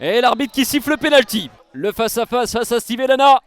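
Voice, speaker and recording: A high-voiced male football commentator works outdoors in full excited flow. His match calls climb into shouts whenever a chance or goal comes. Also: fairly quick, noisy background. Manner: shouts out goals and key moments.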